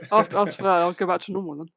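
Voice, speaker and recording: A man hosting a podcast, speaking slowly and a little formally, with light jokes. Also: high voice, steady tone, vocal fry, fairly bright tone, a little hiss or hum. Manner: slow, slightly formal, joking. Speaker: podcast host.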